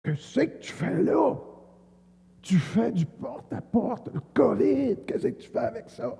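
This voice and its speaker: A man with a Quebec French accent voicing a big bearded homeowner who yells from his doorway, in a tinny recording with a long echo. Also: big pitch swings, slow pace, creaky, slightly rough, exaggerated voice. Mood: angry. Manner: shouting, high and strained. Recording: tinny sound, long hall reverb.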